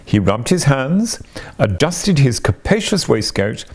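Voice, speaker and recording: A man narrates a storybook with theatrical relish. His voice is creaky at the edges and rises and falls in a lively way, with deliberate phrasing. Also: mid-range voice. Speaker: audiobook reader.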